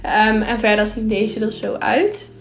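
A woman's voice: medium pitch, measured pace, creaky, music in the background. A young woman narrating a clean-with-me vlog in a chatty, upbeat voice-over with casual filler words. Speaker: vlogger.

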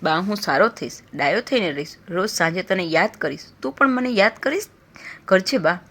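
A woman's voice: mid-range voice, animated, normal speed, fairly bright tone. A woman voicing a young boy, a loving son who pleads earnestly with his mother in a storybook tale. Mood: tender.

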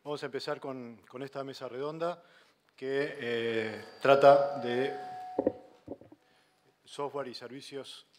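A middle-aged man with a Uruguayan Spanish accent opens a university panel as its moderator. He talks haltingly, with many restarts and fillers, at a middling pitch. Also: fairly even intonation. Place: university auditorium.

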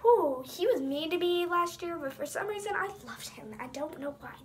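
A woman's voice: very high-pitched, expressive, normal speed, background noise. A ten-year-old girl talking casually to the camera and reading aloud, with a dramatic, self-mocking manner. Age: child, ten years old. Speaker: young vlogger. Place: small room at home, indoors.

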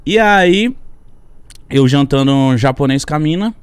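A young man tells a story on a podcast in an animated, slangy way, swearing freely. His voice sits fairly high and swings widely in pitch. The sound is dry and close to the mic. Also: measured pace, smooth, dry recording. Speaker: podcast guest. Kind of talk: casual storytelling. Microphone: studio podcast mic.

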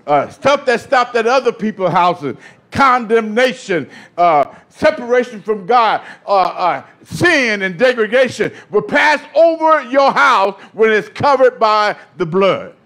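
A man preaching a sermon in call-and-response style, building from steady talk up to shouting. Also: sits high, measured pace.

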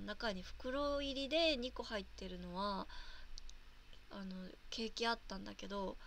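A woman's voice: a little high, vocal fry, a bit bright, a little hiss or hum. A young woman from Japan chatting casually on a livestream, reading viewer comments and giggling often.

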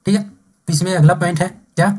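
Male biology tutor, slightly high, husky voice, explains exam notes. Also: steady tone, a little mellow. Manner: reads textbook lines slowly, then explains, repeating "ठीक है". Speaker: biology teacher. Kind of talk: exam-prep lecture mixing Hindi and English. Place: online class recording.

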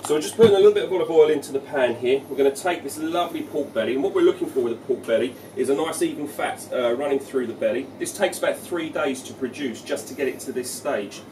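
A man in his forties, a head chef, talking through a cooking demonstration in a relaxed, explanatory way with frequent fillers. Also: mid-range voice, fast, few pauses. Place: large restaurant kitchen. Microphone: camera mic from a few feet away. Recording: echoey kitchen, distant mic, loud kitchen noise. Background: sizzling pans and kitchen clatter.

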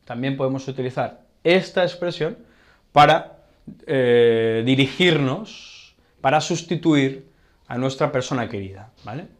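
Spanish guy w castilian accent teaching vocab at a whiteboard, slow, repeats stuff, keeps checking in. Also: medium pitch. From Spain. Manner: slow, repeats words and checks understanding with tag questions; writes on a board with a marker while explaining. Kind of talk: explaining vocabulary to learners.

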